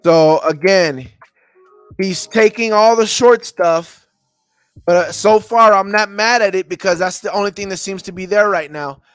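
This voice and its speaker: A man's voice: sits high, measured pace, a bit bright, smooth, dry recording, soft background music. Man muttering through game film. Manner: thinks aloud, repeats phrases, mutters to himself. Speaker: podcast host reviewing game film. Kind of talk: casual film breakdown for a live stream audience.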